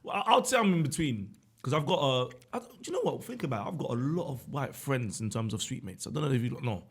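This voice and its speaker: Brief: joking young man, animated pitch, casual podcast chat. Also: breathy edge. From Islington, London. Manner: boastful, joking, quick to laugh. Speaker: podcast guest, comedian. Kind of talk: casual banter.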